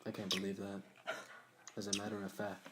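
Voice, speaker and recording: A man doing a half robot voice, playing a flat, expressionless male cyborg superhero as an impression in casual chat. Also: on the low side, brisk, very noisy, voice pushed down. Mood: deadpan robotic. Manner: monotone, no expression.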